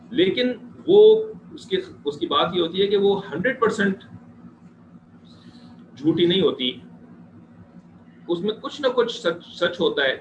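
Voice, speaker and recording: A man teaching an online religious history class, explaining step by step and checking in with his students. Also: high-pitched. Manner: conversational, repeats checks with students. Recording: echoey muffled noisy room.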